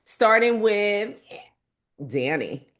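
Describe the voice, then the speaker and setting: A woman's voice: mid-range voice, sing-song, drawn-out words, fairly bright tone. A woman hosting a panel chat, encouraging the guests and affirming them as they speak. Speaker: panel host.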